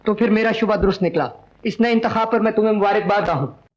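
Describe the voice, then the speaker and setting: An actor playing a suspicious young husband in a 1940s film, speaking in stern, formal tones. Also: male voice, high voice, fast talker, dull audio, lightly acted. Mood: accusing. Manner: stern, accusing, formal Urdu diction. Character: jealous young husband Iqbal, suspicious then remorseful.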